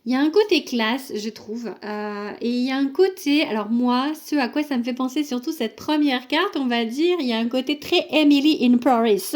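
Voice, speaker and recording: Young woman showing off an oracle deck, lots of euh and restarts, voice a bit high. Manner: hesitant, many fillers and restarts; reads card texts aloud. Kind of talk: casual deck presentation.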